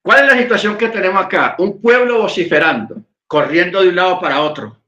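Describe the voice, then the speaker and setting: A man preaching a sermon, emphatic, addressing his listeners as brothers and dropping low and slow to stress a point. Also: pushed and bright, roomy sound, highs cut off.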